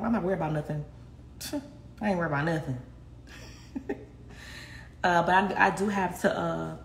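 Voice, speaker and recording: With a fairly low voice and vocal fry, a young woman hosts a casual phone livestream in her home kitchen, chatting candidly, laughing often, and swearing freely. The phone is at arm's length, and the kitchen sounds echoey with faint background noise.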